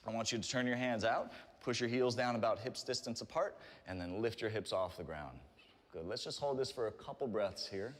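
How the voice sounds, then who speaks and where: Male fitness instructor, lower register, calm and encouraging cueing, recorded in a very reverberant room. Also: a little fast. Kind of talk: guided workout instruction. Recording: reverberant room with long echo.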